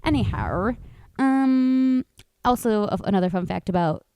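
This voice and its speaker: A woman's voice: mid-range voice, expressive, a little slow, warm tone, clear, resonant tone. A woman co-hosting a podcast in casual chat, chatty and laughing, swearing freely. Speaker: podcast co-host.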